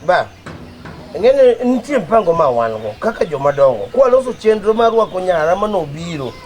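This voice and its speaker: A man with a Kenyan accent in a comedy sketch, talking quickly and scheming. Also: high-pitched, big pitch swings.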